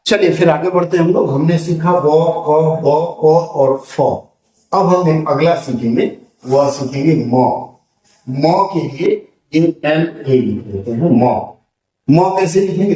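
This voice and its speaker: A man gives a careful beginner's alphabet lesson, going slowly and repeating each letter as he draws it. His voice sits a little high for a man. He sounds distant from the mic, with an echoing room around him. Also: darkish tone. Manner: patient, repeats each letter while drawing it. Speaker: Hindi teacher. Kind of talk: slow step-by-step alphabet lesson.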